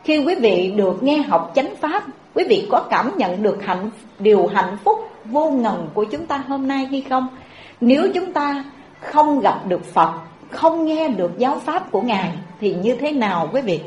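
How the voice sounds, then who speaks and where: A woman's voice: a little high, moderate pace, a little hiss or hum. Southern Vietnamese woman preaching. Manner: animated, addresses the audience directly. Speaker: Buddhist preacher. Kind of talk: sermon with storytelling. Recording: dull echoey recording.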